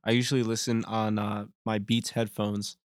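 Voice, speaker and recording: Chill guest dude on a podcast, um-ing a lot, clean dry voice. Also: male voice, lowish voice, level tone, normal speed, no echo. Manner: laid-back, lots of fillers. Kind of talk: casual chat.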